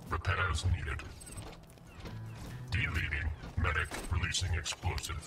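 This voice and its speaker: A man's voice: very deep voice, big pitch swings, unhurried, full character voice. A man voicing a damaged combat robot in a video game, speaking clipped status reports through a robotic filter as it malfunctions and nears shutdown. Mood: glitching, mechanical. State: failing, glitching, near shutdown. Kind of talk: video game character lines. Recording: loud game music behind.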